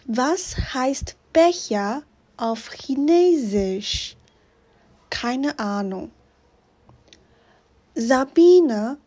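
A woman reading scripted classroom dialogues for a language course, deliberately and with pauses. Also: high-pitched, darkish tone. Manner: deliberate textbook delivery with pauses.

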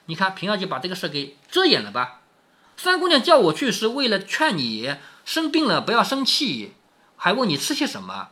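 A man's voice: high voice, normal speed. A man retelling a classic novel as a storyteller, mixing the reading with chatty commentary and rhetorical questions to the listener. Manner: animated, shifts between reading and chatty explaining.

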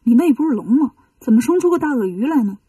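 A woman voicing a cocky male monkey king hero in a children's storybook reading, brisk and teasing. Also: high-pitched, lively intonation, warm tone, husky, dry recording, distant mic.

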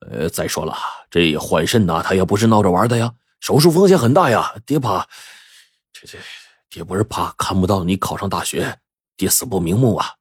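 A stubborn, ailing countryside father, as a male storyteller puts him on, gruff and scolding, with a husky voice a little raised above the teller's own. It sounds dry and close. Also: deep voice, sing-song, normal speed, dry recording, heavily acted. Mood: weary. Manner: gruff, scolding, falsely cheerful.

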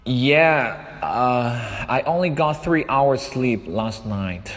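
A man's voice: medium pitch, animated, drawn-out words. A man reading the part of a tired young man who barely slept, answering in a plain, thankful way. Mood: weary. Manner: plain thankful reading of a learner's dialogue line. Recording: long room reverb.

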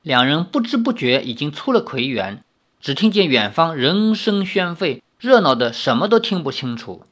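A male narrator reading a novel aloud as an audiobook. His voice sits on the high side and moves expressively, with a lively, animated storytelling delivery. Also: normal speed.

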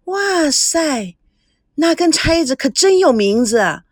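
A woman's voice: sits high, big pitch swings, slow, dry recording, studio quality, voice pushed up, full character voice. Woman voicing a perky, teasing young girl. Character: chatty, cheeky teenage girl.

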